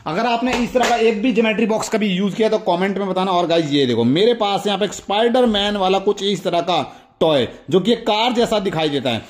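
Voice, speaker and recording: An Indian man hosts a toy review channel, excitedly unboxing and showing items while repeatedly addressing his viewers. His high-pitched voice is animated and brisk, with few pauses.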